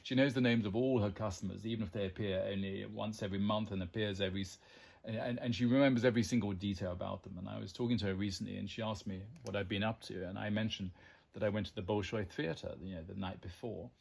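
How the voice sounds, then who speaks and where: A man's voice: fairly low pitch, fairly even intonation, fast, gravelly, a little mellow, slightly rough. An Englishman hosting a language channel, musing to the listener in an erudite, meandering way, with frequent ums and asides. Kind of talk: reflective monologue to the listener.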